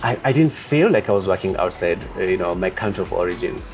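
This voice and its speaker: A man from Uganda answering interview questions as a project leader, speaking in a measured way with many pauses and fillers. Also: low voice, animated, soft background music.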